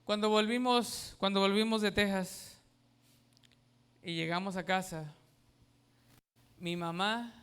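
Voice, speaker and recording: A man's voice: sits high, steady tone, takes it slowly, long pauses, fairly bright tone, clear, resonant tone. A man, a pastor preaching a sermon, emphatic and asking the congregation questions. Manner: emphatic, asks the congregation questions and has them repeat.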